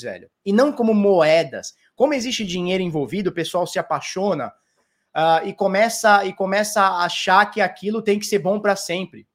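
A man in his thirties from Brazil talking casually to viewers about crypto, rambling and swearing freely. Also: high-pitched. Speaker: crypto commentator.

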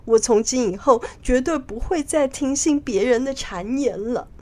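A woman's voice: high voice, normal speed, dark tone, pitched above the performer's own voice, lightly acted. A woman voicing an ashamed male king who apologizes tearfully. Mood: tearful remorse.

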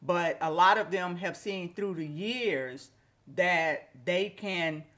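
A woman's voice: lowish voice, slow, a bit bright. A woman hosting a solo podcast, talking casually and reflectively to listeners, with slightly slushy ch and sh sounds from wearing a retainer. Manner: conversational, reflective, addresses listeners directly. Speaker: podcast host. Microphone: microphone with pop filter and windscreen.

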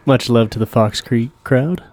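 A man's voice: mid-range voice, normal speed, a little mellow. A man co-hosting a podcast, chatting casually and teasing with jokes. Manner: joking, teasing, chuckles often. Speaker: podcast co-host. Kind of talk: casual chat.

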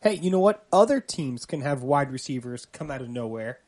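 A man's voice: mid-range voice, expressive, brisk, a little mellow. A man co-hosting a casual sports podcast, joking and rambling as he tells stories. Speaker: podcast co-host.

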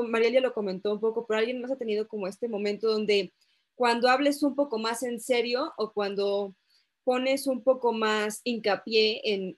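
Woman moderating a panel, kinda hesitant, higher voice. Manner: hesitant, lots of fillers. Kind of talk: panel discussion.

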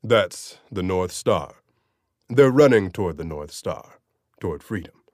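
A man doing a low, earnest scholarly father. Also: lively intonation, unhurried, dry recording, clean studio sound. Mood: earnest, solemn.

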